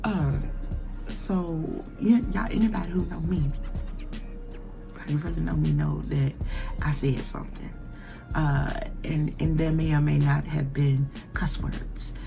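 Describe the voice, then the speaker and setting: A woman hosting a casual solo podcast, telling a story bluntly, with lots of profanity and animated asides. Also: sits low, unhurried, creaky, music in the background. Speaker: podcast host. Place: lives in Burbank, California.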